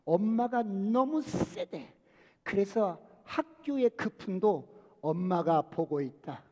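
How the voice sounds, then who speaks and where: Male pastor, sermon, high voice, mellow tone, long church reverb. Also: animated, slow pace. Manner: asks the congregation questions and answers them. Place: church sanctuary.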